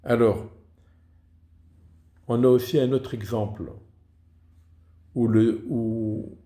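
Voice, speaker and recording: A man giving a slow, deliberate lesson on reading liturgical texts, pausing to sound out example words. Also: mid-range voice, steady tone, mellow, reverberant. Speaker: teacher of Hebrew liturgical reading.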